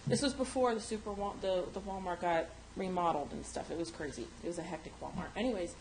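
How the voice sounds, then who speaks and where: A woman telling a funny story to a group, animated and laughing, acting out the quotes. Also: fast talker. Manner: animated, laughing, acts out quotes with big pitch jumps. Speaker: mourner sharing a story at a funeral gathering. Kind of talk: casual storytelling. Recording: echoey room with background noise.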